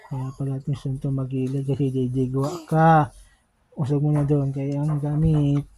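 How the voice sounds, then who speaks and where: A woman's voice: a bass voice, little pitch movement, moderate pace, dark tone, rough recording. A woman filming a baby at home, coaxing and cooing encouragement in a casual home video.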